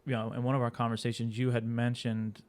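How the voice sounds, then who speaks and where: A man's voice: medium pitch, level tone, fast, a little mellow. A man hosting a podcast, asking friendly, rambling questions full of fillers. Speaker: podcast host. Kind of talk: casual interview talk.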